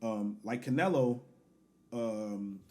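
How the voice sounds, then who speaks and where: A man's voice: lowish voice, takes it slowly. A man co-hosting a podcast, breaking down a boxing match in casual slang. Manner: animated fight breakdown, loose slang. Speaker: podcast co-host. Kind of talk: casual sports chat.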